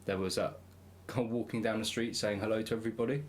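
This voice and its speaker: A man's voice: lowish voice, fairly even intonation, fast, a little hiss or hum. A man guesting on a casual film podcast, telling stories with wry, dry humour. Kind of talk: casual film review chat.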